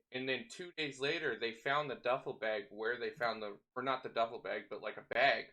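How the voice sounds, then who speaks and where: A man's voice: medium pitch, bright, forceful tone. A young man hosting a casual podcast chat, rambling, swearing and saying "dude" a lot. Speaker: podcast host. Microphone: home microphone.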